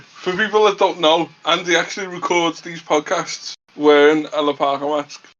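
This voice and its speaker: Higher-voiced man hosting casual chat. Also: steady tone, normal speed, fairly bright tone, highs cut off. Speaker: podcast host.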